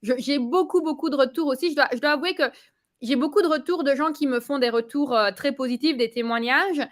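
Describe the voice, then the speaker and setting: A woman's voice: high voice, fairly quick. Woman chatting with many hesitations. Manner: hesitant, many fillers and restarts. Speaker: client giving a testimonial. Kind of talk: casual conversational testimonial.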